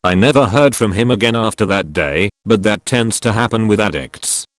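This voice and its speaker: A man narrating gym stories from online posts in a steady, matter-of-fact reading voice. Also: fairly low pitch, normal speed, dry recording. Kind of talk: scripted narration.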